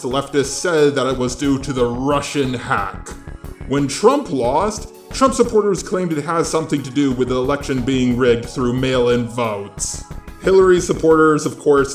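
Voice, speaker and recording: The host of a video commentary channel is a synthetic male voice with a robotic quality, reading a scripted video essay. It sits in the mid-range and has a reverberant sound, while faint music runs underneath.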